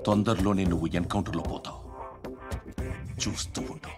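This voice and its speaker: An actor playing a corrupt, menacing police officer who barks out threats. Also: male voice, low-pitched, a little fast, lightly acted. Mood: threatening. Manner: threatening, barking. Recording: film soundtrack with loud music.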